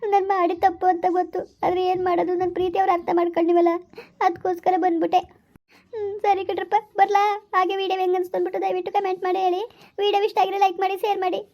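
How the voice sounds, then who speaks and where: A woman's voice: very high-pitched, level tone, rapid-fire. A woman hosting a village channel, chatting to viewers and asking them to like and subscribe. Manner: chatty, asks viewers directly. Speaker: channel host. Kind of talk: video outro to viewers. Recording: dull lo-fi recording.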